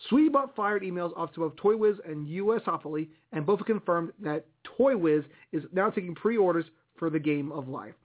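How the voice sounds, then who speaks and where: A man's voice: high voice, animated, normal speed, few pauses. A man hosting a radio show with casual, chatty news commentary, musing aloud as he goes. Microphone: internet radio broadcast. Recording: tinny, phone-like internet radio sound.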